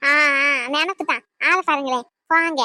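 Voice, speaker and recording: A woman's voice: high voice, moderate pace, sharp tone, dry recording. A woman voicing a cheerful, loving pregnant young wife in a cartoon, coaxing and teasing her husband. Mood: playful. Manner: coaxing, playful, giggly. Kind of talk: cartoon voice acting.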